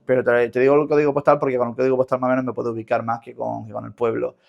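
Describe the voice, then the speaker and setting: Fast, creaky-voiced Andalusian man explaining. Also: mid-range voice, level tone, a little mellow, dull audio. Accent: Andalusian Spanish. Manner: didactic, halting with repeated words. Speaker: linguist guest. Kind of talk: explanatory interview talk.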